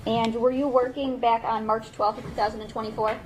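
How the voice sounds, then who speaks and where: Brief: female attorney on a courtroom recording, slightly high voice, formal questioning, faint background hum. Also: level tone. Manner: measured, formal questions with frequent "okay". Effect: played from a courtroom recording.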